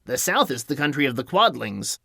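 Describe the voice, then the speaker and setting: A small, self-assured male storybook villager who speaks plainly, as the man reading puts him on. His speech has a lively lilt. The recording is dry. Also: medium pitch, a little fast, creaky, no room sound, exaggerated voice.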